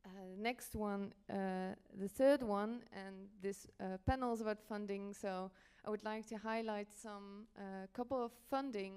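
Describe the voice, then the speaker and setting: A journalism editor from the Netherlands gives a conference presentation as a panel speaker, a little hesitant and stopping to reword. Her voice is medium in pitch, steady, a little mellow and clean, delivered unhurriedly with hardly any pauses.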